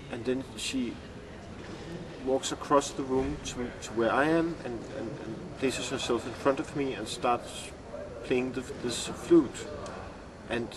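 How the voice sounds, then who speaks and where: A man in his thirties with a Danish accent gives reflective interview answers, halting as he searches for words. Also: mid-range voice. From Denmark. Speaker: filmmaker being interviewed. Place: outdoor courtyard among glass buildings. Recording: distant mic outdoors, urban bustle behind.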